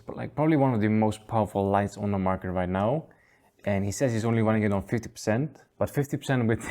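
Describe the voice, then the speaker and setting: A warm, lowish male voice belongs to the host of an aquascaping channel. He runs a casual review show in an easygoing way, chuckling often as he trails off and starts his sentences over.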